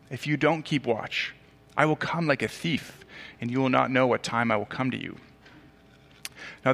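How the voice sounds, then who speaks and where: A man who grew up in Tanzania, a pastor giving a conversational sermon with casual asides and quick self-corrections. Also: medium pitch, bright, forceful tone.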